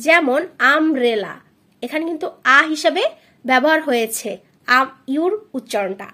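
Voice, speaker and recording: A woman with a Bengali accent teaching letter sounds to children, modeling each sound slowly and clearly. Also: high-pitched, expressive, pushed and bright. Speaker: English teacher on a video channel. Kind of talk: phonics lesson for children.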